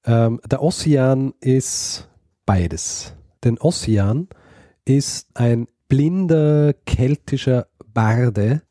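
A man's voice: medium pitch, extremely slow, dark tone, dry recording, clean studio sound. A man co-hosting a history podcast, telling a story in a casual, hesitant way with frequent fillers and easy laughter. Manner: hesitant, many fillers and restarts, laughs easily. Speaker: podcast co-host.

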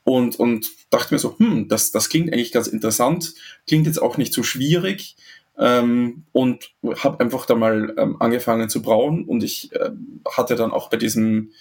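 A man from Austria in his thirties appears as a guest on a podcast interview, speaking in a mid-range, slightly mellow voice at a moderate pace. He sounds hesitant, with many fillers and restarts.

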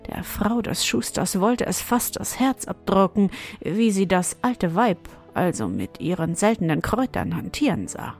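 A woman narrating a fairy tale in a measured, expressive storytelling manner. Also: medium pitch, creaky, soft background music. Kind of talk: fairy-tale audiobook reading.

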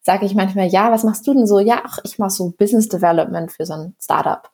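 A woman in her thirties, a founder being interviewed, talking in a relaxed, chatty way and sometimes searching for words. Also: mid-range voice, fast talker. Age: 30s. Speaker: startup founder guest. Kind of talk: casual interview.

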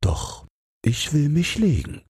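A man's voice: on the high side, wildly swooping pitch, takes it slowly, darkish tone, breathy edge, no echo, studio quality, pitched above the performer's own voice, heavily acted. A man voicing the wind in a fairy tale, commanding and lecturing. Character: the wind, a bossy kindly old elemental.

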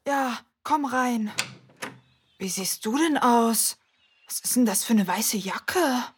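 A sick, worn-out little girl in a children's cartoon,. Her voice is very breathy and slightly high, and she drags each word slowly. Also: animated, exaggerated voice. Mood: weak. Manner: very breathy, slow and tired. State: sick, weak. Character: young girl sick with a cold, weak. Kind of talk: children's show acting.

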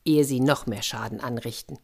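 A woman voicing an angry, scheming king in a children's fairy tale, with a gruff, commanding manner. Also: rumbling low, normal speed, darkish tone, pitched below the performer's own voice, full character voice. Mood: grudging.

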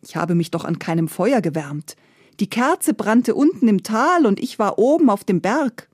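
An out-of-breath poor woodcutter man blurts his words in excitement and rising anger, as a woman storyteller plays him. The voice is lively, with a dry, close sound. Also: medium pitch, normal speed, slightly rough, dry recording. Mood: indignant. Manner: excited, breathless, then angry.

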